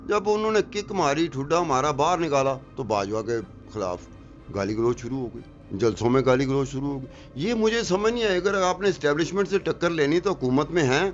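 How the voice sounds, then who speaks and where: A man's voice: fairly high pitch, big pitch swings, muffled recording, faint music behind. Emphatic, argumentative middle-aged man. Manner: emphatic, argumentative, repeats points for effect. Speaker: political commentator. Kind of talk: animated political talk-show discussion.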